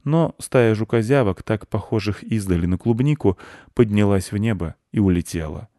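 A man calmly narrating a scripted children's story. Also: lowish voice, moderate pace, dry recording, clean studio sound. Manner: calm, even storytelling.

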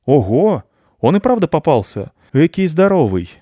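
A cheerful father, read by a man, speaks casually with lively, swooping intonation. It is a dry, close storybook recording. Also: on the high side, normal speed, dry recording, voice pushed up. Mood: surprised. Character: cheerful young father, surprised.

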